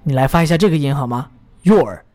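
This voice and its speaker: A man's voice: a little high, darkish tone. Encouraging male English teacher. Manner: models phrases slowly, then pauses for the listener to repeat; encouraging, praises the learner often. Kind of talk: English pronunciation drill lesson.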